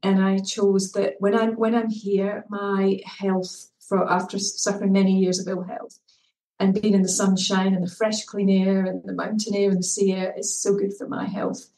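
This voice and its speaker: A woman's voice: mid-range voice, flat delivery, moderate pace, mellow, far from the mic. A Scottish woman in her thirties, a well-being coach talking earnestly and reflectively as a podcast guest. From Scotland. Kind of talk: podcast interview. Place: home in Turkey, remote call. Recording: echoey room, off-mic, faint music.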